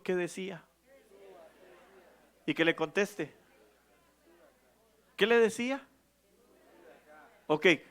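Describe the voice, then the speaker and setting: Pastor, high voice, preaching in church, gets loud and emphatic. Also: male voice, clean tone. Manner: asks the congregation questions. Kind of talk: sermon.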